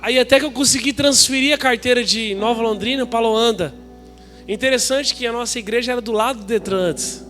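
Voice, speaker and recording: High-voiced Brazilian pastor telling a story. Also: male voice, fairly quick, soft background music. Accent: Brazilian Portuguese. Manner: lively storytelling, acting out dialogue. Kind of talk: sermon storytelling.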